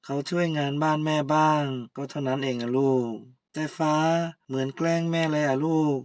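A man's voice: a little high, fairly even intonation, moderate pace, clear, resonant tone, close to an everyday voice. A man doing a bossy scheming mother-in-law. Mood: scolding. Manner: scolding, domineering.

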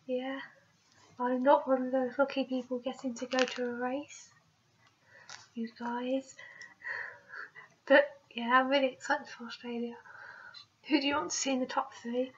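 A young woman speaks in a high voice while suffering from a cold. She rambles casually through questions in a self-deprecating way. The sound is lo-fi and slightly muffled, picked up by a webcam microphone in a small room. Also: little pitch movement, unhurried, pauses often, a little hiss or hum. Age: young adult. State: has a cold. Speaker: vlogger. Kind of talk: casual question-and-answer vlog. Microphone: webcam microphone at arm's length. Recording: dull lo-fi laptop webcam audio.

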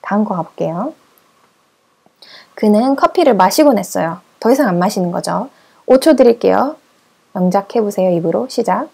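Slow-drilling woman English teacher, mellow voice. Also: medium pitch, animated, creaky, husky. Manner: gives prompts and countdowns, repeats English sentences slowly. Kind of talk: language lesson with drills.

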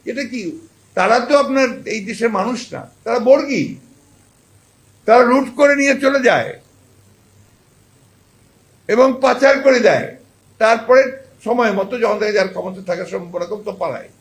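A man's voice: unhurried, long pauses. Bangladeshi Bengali man, political orator at a rally, emphatic and rising, heavy room echo. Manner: rising to loud emphatic peaks, then dropping low. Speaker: political speaker addressing a rally. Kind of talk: impassioned political speech.

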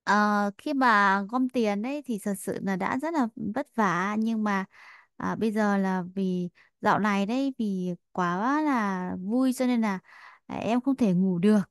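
Woman, Korean teacher, chatty, lots of fillers, smooth voice, dry close sound. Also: medium pitch, measured pace, dry recording. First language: Vietnamese. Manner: chatty, many fillers, repeats Korean phrases. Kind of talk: explaining a listening exercise.

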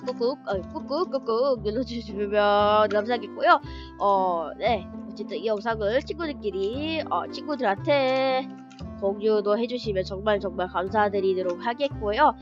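A woman's voice: on the high side, fairly bright tone. A woman hosting a gaming channel, talking casually over gameplay in a chatty way, cheering at good moments and often restarting her sentences. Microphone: device mic, screen-recorded voice-over. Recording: slightly muffled with faint background music.

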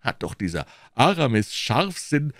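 A man doing a loud, smug boastful musketeer. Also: medium pitch, very animated, measured pace, no room sound, studio quality, voice pushed up. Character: boastful, self-satisfied adult male musketeer.

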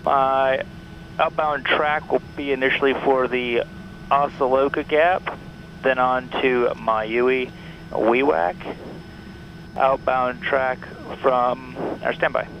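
A man in his thirties speaks through a headset in a small plane's cockpit, calmly walking through each checklist item in order. His voice sits in a middle range and sounds a little muffled. Steady engine noise runs loud under every word. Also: mid-range voice, slow. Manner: methodical, running through checklists aloud. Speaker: bush pilot. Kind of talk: cockpit vlog narration and radio calls.

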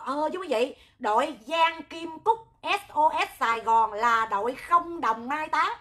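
A woman with a Southern Vietnamese accent hosting a livestream, talking loud, hot-tempered and animated, rambling with joking asides. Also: sits high. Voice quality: loud, piercing voice. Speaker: livestream host, charity oxygen volunteer. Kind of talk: livestream talk to viewers.

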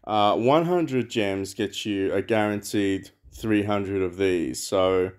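A man's voice: fairly low pitch, takes it slowly, clear, resonant tone. A man giving rambling, casual commentary over a mobile game, thinking aloud with lots of fillers. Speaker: mobile game channel host.

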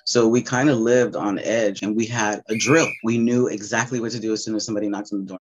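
A man's voice: on the low side, fairly even intonation, fast, a little hiss or hum, poor audio. A man in his fifties giving candid, emotional personal testimony in an interview, speaking openly and swearing freely. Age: 50s. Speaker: interviewee, abuse survivor.

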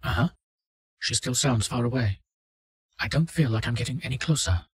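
A man's voice: mid-range voice, expressive, normal speed, breathy edge, voice pushed up. A man voicing a terrified young woman test subject who pleads and panics. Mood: uneasy, scared.

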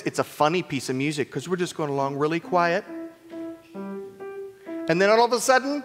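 A man's voice: sits high, fairly bright tone. A man giving a children's message in a church sanctuary, playful and asking the children many questions. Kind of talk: children's sermon. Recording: echoey church hall reverb.

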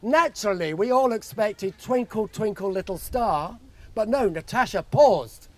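At an outdoor garden wedding reception, a man in his sixties gives a jokey father-of-the-bride speech, telling stories from his notes into a handheld microphone held close. His voice sits high and is animated, a little slow, with no echo.

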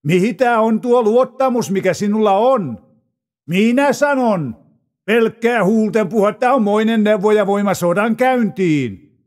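Boastful male envoy voiced by a man, high voice, slow drawn-out words, declamatory, dramatized scripture reading. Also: expressive, darkish tone. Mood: taunting. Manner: taunting, declamatory.

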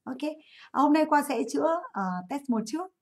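A woman with a fairly high, darkish-toned voice teaches a live online English class at a moderate pace, going over an exam. She's chatty, keeps urging students to comment, and corrects her own slips along the way.

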